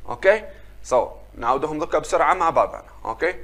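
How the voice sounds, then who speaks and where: Lively Algerian English teacher drilling words. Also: male voice, a little high, brisk. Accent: Algerian Arabic. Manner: drills pronunciation and asks for repetition. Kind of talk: classroom lesson.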